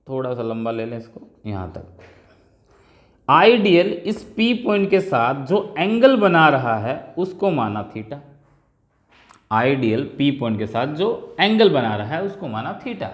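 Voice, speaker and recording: A man teaching physics as a class lecture, explaining step by step and repeating the key terms. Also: a little high. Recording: echoey room.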